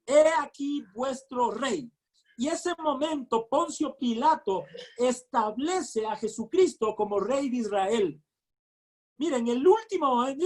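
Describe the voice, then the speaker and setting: A woman's voice: a little high, darkish tone. Fervent woman preaching. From Ecuador. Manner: fervent, reads scripture slowly, exclaims often. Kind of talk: sermon with scripture reading. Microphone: recorded sermon.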